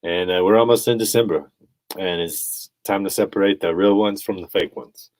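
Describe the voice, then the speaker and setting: A man's voice: low-pitched, moderate pace, darkish tone, no room sound, poor audio. A male podcast host giving blunt, opinionated sports commentary in a casual chat style, laughing at his own takes.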